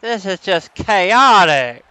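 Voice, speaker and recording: A man commentates his own video game playthrough, excitable and joking, often echoing the announcer. His voice is high and animated. It comes through bright and crisp. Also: slow pace. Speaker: gaming channel host. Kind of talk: let's play commentary.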